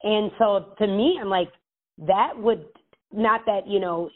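A woman's voice: medium pitch, takes it slowly. A woman state legislator answering interview questions earnestly, rambling with many restarts over a phone call. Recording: tinny phone line.

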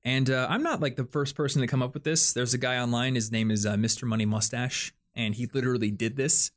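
Talking fast in a mid-range voice with fairly flat intonation, the young man hosts a laid-back podcast. He reasons out loud, repeatedly restarting and peppering his speech with fillers.

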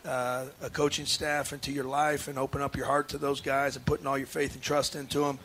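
A man's voice: mid-range voice, flat delivery, fairly quick, a bit bright, slight background noise. A man, a head basketball coach, talking earnestly in a casual radio interview, with many restarts and fillers. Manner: earnest, emotional.

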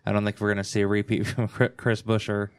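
A man's voice: fairly low pitch, little pitch movement, quick pace, clean tone, no room sound. A man co-hosting a casual sports podcast, speaking hesitantly with many ums and restarts. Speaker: podcast co-host.

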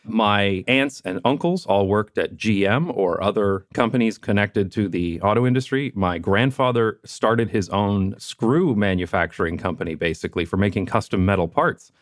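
Host, man from Ontario; low, relaxed explainer, dry sound. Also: moderate pace, hardly any pauses, no echo. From southwestern Ontario, Canada. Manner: relaxed, explaining, reasoning aloud. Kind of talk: casual conversation.

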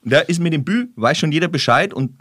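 A man talking as a guest in a casual podcast chat, telling stories in lively bursts. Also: on the high side, a little fast, no echo, clean studio sound. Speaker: star chef guest.

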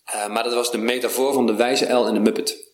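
Man, podcast guest, casual rambling stories, animated, roomy echo. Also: medium pitch, quick pace. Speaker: podcast guest, vitality coach. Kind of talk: casual conversation. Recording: roomy sound with faint background noise.

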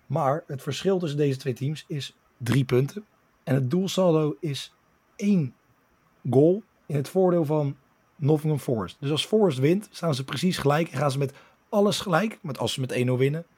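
A man hosting a casual football podcast with a hoarse voice, talking at length with fillers and restarts. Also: fairly high pitch, moderate pace, a little mellow. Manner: talkative, many fillers and restarts while explaining. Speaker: podcast host.

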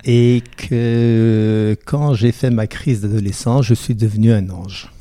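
Middle-aged man, low and very mellow, unhurried storyteller with a dry wit, recorded close and dry. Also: fairly even intonation, no room sound. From France. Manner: measured, dry-humored storyteller. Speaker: company CEO, podcast guest. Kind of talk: casual interview storytelling.

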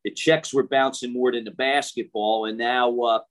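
An older man, a coach being interviewed outdoors, tells anecdotes in a casual, halting, conversational way. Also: mid-range voice, steady tone. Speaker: shooting coach, interview guest. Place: outdoors, near passing traffic.

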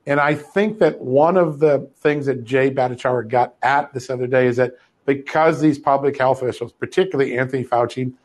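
A man hosting a political talk show, talking conversationally and telling a personal anecdote. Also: mid-range voice.

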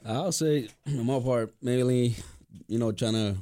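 A man on a pit crew explaining his work in a halting way, filling gaps with "you know.". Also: mid-range voice, dark tone.

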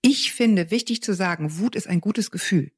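A woman's voice: mid-range voice, moderate pace, slightly rough, no room sound, studio quality. Engaged woman discussing a listener letter. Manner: engaged, frequent agreeing, reads out a listener letter. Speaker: podcast co-host giving parenting advice. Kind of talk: casual advice chat.

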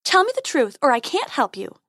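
A cheerful tooth fairy speaks in a high, brisk, bossy chirp, as a woman puts her on. Her voice leaps up and down with energy. The sound is close and dry. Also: big pitch swings, fairly bright tone, no echo.

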